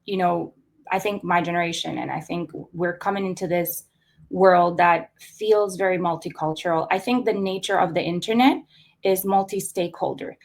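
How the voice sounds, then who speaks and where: Soft-spoken Costa Rican woman, thoughtful. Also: fairly low pitch, moderate pace, creaky. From Costa Rica. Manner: thoughtful, many fillers and restarts. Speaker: artist guest. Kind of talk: conversational interview.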